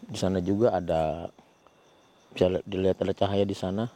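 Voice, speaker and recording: Hushed man murmuring prayers outdoors. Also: sits low, steady tone, a little fast. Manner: keeps addressing his companion, muttering Islamic prayers. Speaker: ghost-hunting vlog host. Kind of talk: hushed on-location narration. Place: outdoors near a village.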